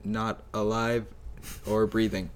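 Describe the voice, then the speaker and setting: A man co-hosting a casual vlog, giving short, low-key replies. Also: level tone, slow, very noisy. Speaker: co-host. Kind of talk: casual chat.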